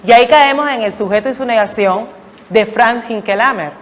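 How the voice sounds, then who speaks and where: A woman giving a reflective academic talk, explaining deliberately and emphatically with searching pauses. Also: fairly high pitch. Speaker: academic lecturer. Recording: long echoing hall reverb.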